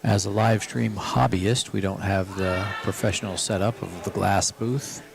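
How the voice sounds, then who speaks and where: A man calls a pool match live from inside a pool hall, one table from the players. His voice sits low with a gravelly fry, and he explains each shot calmly, often repeating himself. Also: unhurried. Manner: relaxed, explanatory, repeats phrases. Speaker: pool commentator. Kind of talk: live play-by-play commentary.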